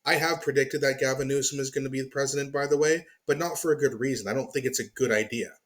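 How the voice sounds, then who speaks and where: A man's voice: mid-range voice, fairly even intonation, quick pace, a bit bright. A man hosting his own commentary channel, ranting in disbelief and swearing freely as he reacts to a clip, then winding down to sign off to his viewers. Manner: exasperated, swearing, incredulous.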